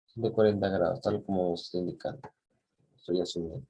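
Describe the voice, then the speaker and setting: A man's voice: sits low, fairly even intonation, fast, mellow, husky, muffled recording. A man teaching a math lesson, patiently walking students through a clock-angle problem and often checking that they follow. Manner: patient, asks "¿sí?" and "¿de acuerdo?" often, restarts phrases.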